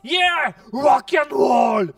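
A man voicing a loud, swaggering male rocker character who whoops and shouts. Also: very high-pitched, sing-song, unhurried, no echo, distant mic, full character voice. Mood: rowdy.

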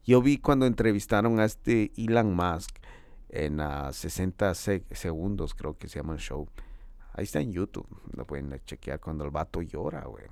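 Dude vlogging, gravelly voice, swings up and down a lot, super slangy, dry close sound. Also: male voice, deep voice, expressive, moderate pace, a little mellow, dry recording. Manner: slangy, laughs often, swears freely; boastful and joking. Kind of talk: casual profane monologue.

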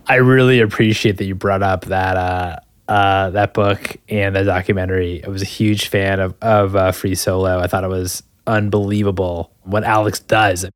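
A man's voice: sits low, little pitch movement, moderate pace, few pauses, no room sound, studio quality. A man hosting a podcast interview, enthusiastic and effusive with thanks. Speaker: podcast host.

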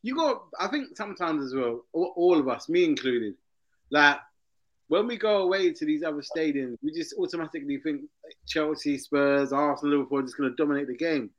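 A man's voice: fairly high pitch, lively intonation, brisk, muffled recording. A man with a London roadman accent hosting a casual football chat, slangy and often repeating his phrases. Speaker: football show host. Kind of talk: casual banter.

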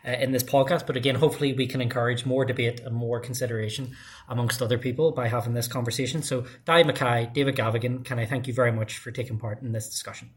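A man hosting a podcast, speaking in a measured way as he moderates. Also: mid-range voice, fairly even intonation. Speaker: podcast host.

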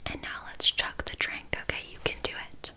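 A woman plays a flaky, scammy witch in a whispered ASMR roleplay, her soft, breathy whisper rambling casually and haltingly. She's blithely unbothered, with a coaxing, soothing mood.

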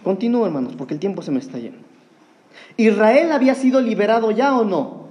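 A man's voice: high-pitched, lively intonation, quick pace, darkish tone. A man preaching an earnest sermon, addressing the congregation as brothers.

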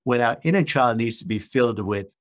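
Speaking a little fast in a medium pitch, this Malaysian author and coach in his fifties gives earnest, explanatory answers as a podcast guest and leans on rhetorical questions. The sound is clean studio audio without echo.

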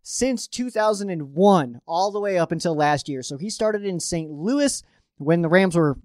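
High-voiced chatty male sports podcaster. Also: lively intonation, moderate pace, a little mellow, no room sound, clean studio sound. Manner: chatty fan, frequent fillers and restarts; openly rooting for the team. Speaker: sports podcast host previewing a game. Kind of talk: casual game-preview talk.

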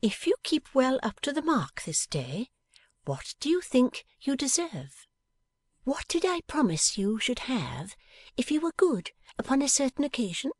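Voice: sing-song, unhurried, husky, no room sound, studio quality, exaggerated voice. A reader doing a playful, coaxing young woman. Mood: teasing. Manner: high, coaxing, half-whispered. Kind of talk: audiobook character voice.

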